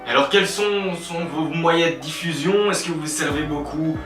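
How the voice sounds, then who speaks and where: A man's voice: fairly high pitch, unhurried, close to an everyday voice. A man playing a polite, hesitant interviewer who stammers through his questions in a comedy sketch. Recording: roomy, distant mic, faint music.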